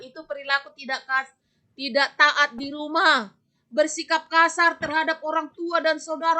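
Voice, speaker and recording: Bright high-voiced woman teacher on a video call. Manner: lively, scolding, acts out children's voices. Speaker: religion teacher. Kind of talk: online class lesson.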